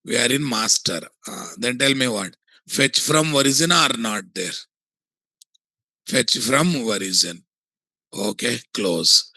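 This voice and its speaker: A man with a Telugu Indian English accent giving a software tutorial, thinking aloud and often asking questions that he answers himself. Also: mid-range voice, dry recording. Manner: asks and answers his own checking questions.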